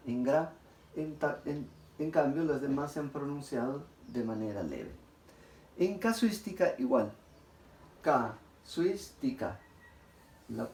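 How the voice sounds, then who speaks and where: Guy teaching a class, mellow tone, drags out example words slow, echoey room. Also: a little high. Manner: stretches example words out slowly, syllable by syllable; checks in with listeners often. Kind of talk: classroom lecture. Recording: echoey room, faint background noise.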